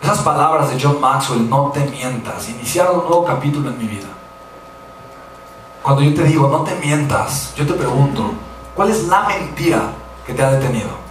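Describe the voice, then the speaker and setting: A Mexican man giving a motivational talk, telling a story with lively tag questions and acting out the people he quotes. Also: medium pitch, fairly quick, a little hiss or hum. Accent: Mexican Spanish. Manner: animated, acts out quoted voices, frequent tag questions. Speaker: motivational speaker. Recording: echoey hall from far off.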